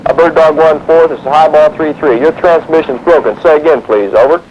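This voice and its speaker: A man's voice: fairly high pitch, a little fast, darkish tone. A man speaking as an attack pilot in clipped radio procedure, heard through a helmet radio transmission. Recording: muffled radio over noise.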